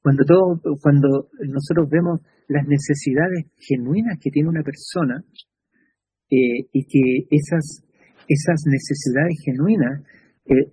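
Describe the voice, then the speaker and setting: A man's voice: on the high side, warm tone, breathy edge, no room sound, poor audio. A man with a Chilean Spanish accent preaching a sermon in a conversational way, with fillers and tag questions.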